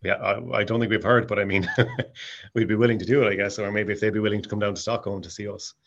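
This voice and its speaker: Man, west of Ireland accent, lowish voice, quick casual interview chat, slightly dull lo-fi recording. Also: steady tone, vocal fry, fairly bright tone. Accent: west of Ireland (Mayo). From County Mayo, west of Ireland. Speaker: amateur drama society actor, interview guest.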